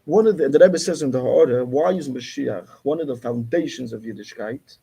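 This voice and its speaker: A man's voice: medium pitch, a little fast, creaky, mellow, husky. A man teaching a class, explaining emphatically and repeating his key points. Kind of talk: Torah class lecture.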